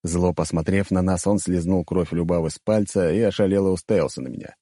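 Male audiobook narrator, low voice, mellow, measured, dry studio sound. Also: dry recording. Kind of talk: scripted first-person fantasy narration.

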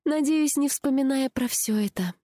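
A woman's voice: sits high, normal speed, mellow, no echo, studio quality, voice pushed up, lightly acted. A woman reading an audiobook, voicing a tired, anxious young woman in a raised voice. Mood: weary.

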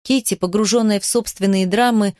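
A woman reading a novel aloud in an even, measured narration. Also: mid-range voice, dry recording, studio quality. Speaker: audiobook narrator.

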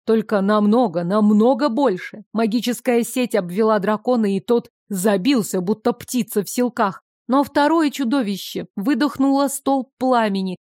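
A woman reading a first-person fantasy audiobook in an expressive, measured storytelling manner. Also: fairly high pitch, no room sound, studio quality. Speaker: audiobook narrator.

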